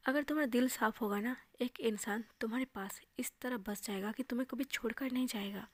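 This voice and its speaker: A woman's voice: fairly high pitch, brisk, no room sound, natural voice. Woman reading as a cold, taunting young man. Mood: scornful.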